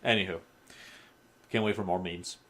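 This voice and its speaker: A man's voice: low voice, fairly even intonation, normal speed, pushed and bright. A man co-hosting a casual podcast, talking in a dry, teasing way. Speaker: podcast co-host.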